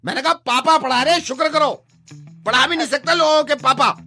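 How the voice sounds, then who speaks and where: A man's voice: sits high, moderate pace, breathy edge, soft background music, heavily acted. A man playing a blustering half-educated father. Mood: outraged. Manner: excitable, broken English, repeats himself.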